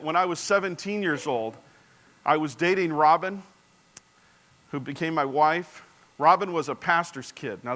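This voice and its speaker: Man, 40s, sermon storyteller: earnest, bright and a touch high, addresses the congregation directly. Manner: earnest, drops to a soft hushed voice for tender moments; engages the audience directly.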